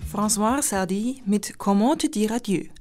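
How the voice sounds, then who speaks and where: Woman, radio presenter, scripted announcing, smooth delivery, mid-range voice. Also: medium pitch, normal speed, loud music behind the voice.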